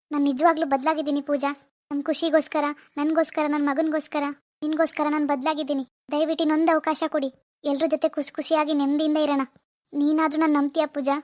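A woman's voice: sits high, dry recording, lightly acted. A woman playing a remorseful middle-aged mother-in-law who earnestly begs her daughter-in-law's forgiveness in a homemade family drama skit. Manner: earnest, pleading, apologetic.

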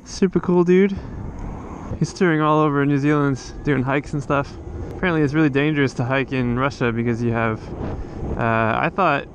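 Speaking at normal speed in a mid-range voice, a man delivers a casual riding vlog on a coastal road via helmet camera. His monologue meanders, with plenty of restarts and fillers. The audio is poor and has slight hiss or hum.

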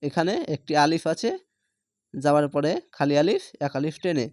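A Quran reading teacher giving a slow, patient lesson, spelling out syllables one by one and then blending them into words. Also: medium pitch, darkish tone, no room sound, studio quality. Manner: patient, repeats words slowly for learners.

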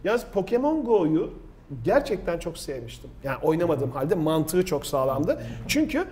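A man's voice: on the high side, sing-song, moderate pace, mellow, a little hiss or hum. A middle-aged or older man hosting a quiz and telling stories in casual, conversational speech. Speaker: quiz show host. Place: studio table, indoors.

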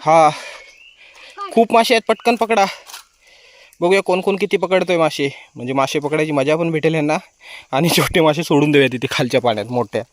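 A man's voice: fairly high pitch, brisk, no room sound. A man vlogging outdoors by a stream pool, cheerfully urging children on as they catch fish. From Konkan, India. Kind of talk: casual outdoor vlog narration.

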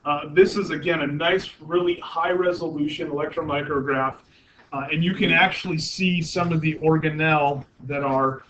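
Guy lecturing a class, kinda higher voice, lots of uh and um, muffled recording w some hiss. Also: fairly even intonation, moderate pace, fairly bright tone. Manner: explanatory, frequent fillers and self-corrections; asks the class questions. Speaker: university anatomy lecturer.

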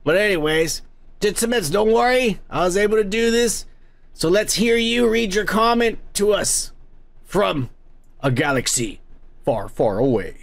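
A man whose voice sits high and unhurried, with lively intonation, reads viewer comments while hosting a show from home. He rambles in a profane, casual way with frequent restarts, and his microphone is heavily compressed.

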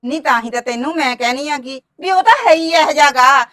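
A woman's voice: high voice, fairly quick, bright, forceful tone. A meddling village gossip, played by a woman, speaking. She wheedles and keeps relaying what others said. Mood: wheedling. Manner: wheedling, reports others' words. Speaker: actress. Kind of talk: village drama dialogue.

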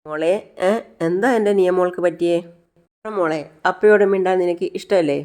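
A storyteller voicing a loving father coaxing his sulking little daughter in a soft babying tone. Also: mid-range voice, steady tone, normal speed, smooth, close to an everyday voice.

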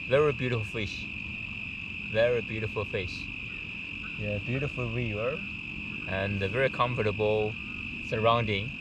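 A young man with a lowish voice speaks in plain, broken at an unhurried pace. He is outdoors by a lake, recorded on a close action camera. Steady outdoor noise with crickets and insects runs behind him. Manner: simple broken phrasing, relaxed and unhurried. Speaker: fishing vlogger. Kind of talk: casual outdoor vlog. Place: outdoors by a lake, among trees.

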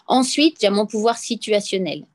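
A woman giving a webinar talk on negotiation over a video call. Her delivery is direct and lively, with pointed questions and worked examples. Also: mid-range voice, brisk. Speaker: professional negotiator.

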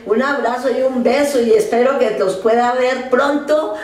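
A woman's voice: sits high, normal speed, darkish tone, far from the mic. An older woman with a Colombian accent from the Valle del Cauca, chatting affectionately and effusively as a guest. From Buga, Valle del Cauca, Colombia. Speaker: interview guest, veteran musician. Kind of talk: warm casual chat. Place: living room with piano, indoors. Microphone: camera a few meters away. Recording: very echoey living room.

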